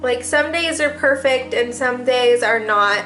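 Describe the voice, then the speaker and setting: A woman's voice: fairly high pitch, measured pace, fairly bright tone, faint music behind, low-quality recording. A young adult woman, a mom vlogger, venting casually to camera in a chatty, rambling way with lots of fillers. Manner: chatty, rambling, laughs often, many fillers.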